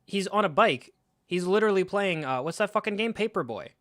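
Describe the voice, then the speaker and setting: A young man reacts live to a film for his viewers. His sarcasm and swearing build into incredulous rants. His slightly high voice is recorded close and dry. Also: animated, brisk, fairly bright tone, no echo.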